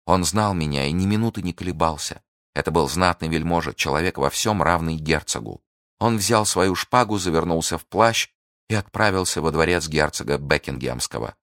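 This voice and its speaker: A man's voice: sits low, lively intonation, moderate pace, a bit bright, dry recording. Scheming young noblewoman, pleading and grand, read by a man in audiobook style, dry booth. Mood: imploring. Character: scheming noble young woman, proud and wounded. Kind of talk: audiobook reading.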